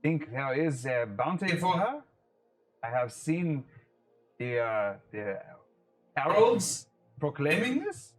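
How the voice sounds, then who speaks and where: Man doing an elderly, hushed warner. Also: on the high side, big pitch swings, reverberant, soft background music. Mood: cautious. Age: older. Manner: hesitant, slow, hushed. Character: elderly cautious man giving a warning.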